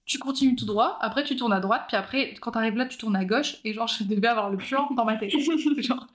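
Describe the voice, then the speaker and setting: A young woman co-hosts a podcast, recounting a story in relaxed conversation and performing the voices of the people she quotes. Her voice is on the high side and fairly quick, and her delivery is animated.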